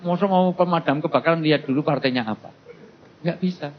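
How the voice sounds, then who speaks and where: A man's voice: on the high side, brisk. Joking man preaching. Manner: jokey, animated, mimics other voices. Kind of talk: humorous sermon. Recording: dull lo-fi recording with faint noise.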